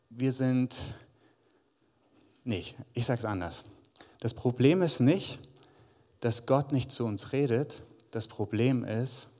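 A man's voice: medium pitch, a little mellow. A man giving a conversational sermon to a congregation, reading Bible verses aloud. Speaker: preacher. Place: church hall. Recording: long hall reverb.

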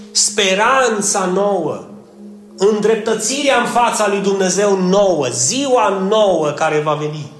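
Man, pastor, high voice, playful sermon, echoey church hall, faint music behind. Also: a bit bright. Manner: playful, acts out little scenes, calls on listeners by name. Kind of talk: humorous sermon. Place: church, indoors.

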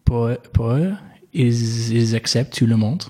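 A man's voice: medium pitch, a little slow, darkish tone, husky. A young man from England in his twenties, speaking French as a learner with an English accent, hesitant and full of fillers. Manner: hesitant, many fillers and repeated yes. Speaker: interviewee. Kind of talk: casual conversation.

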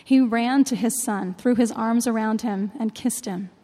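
A woman reading a long Bible passage aloud in church, in a measured, clear way. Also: a little high, mellow. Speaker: scripture reader. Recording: long reverb of a large hall.

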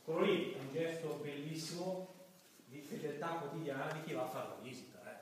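A man giving a sermon-style talk as a priest, lively, acting out the voices of people praying to mock them. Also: fairly high pitch, fairly quick, a little hiss or hum. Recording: echoey church from a distant mic.

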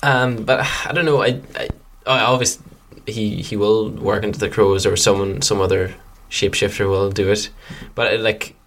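A low-voiced man with a Donegal Irish accent talks as a podcast co-host. He chats in a casual, rambling style, with a joking streak. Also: steady tone, normal speed, few pauses, fairly bright tone. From County Donegal, Ireland. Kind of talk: casual fan podcast chat.

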